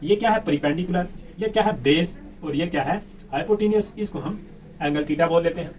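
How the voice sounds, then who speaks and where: High-voiced Pakistani math teacher, distant mic. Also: male voice, a little fast, darkish tone. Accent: Pakistani Urdu. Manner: asks the class questions and answers them himself. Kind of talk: whiteboard math lesson. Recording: distant mic with faint room noise.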